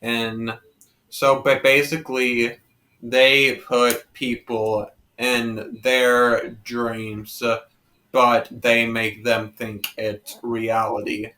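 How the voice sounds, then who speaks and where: A young man co-hosts a casual film review chat. He speaks slowly and haltingly, stumbling over his words. His tone is bright and clear. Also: mid-range voice, flat delivery. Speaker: co-host.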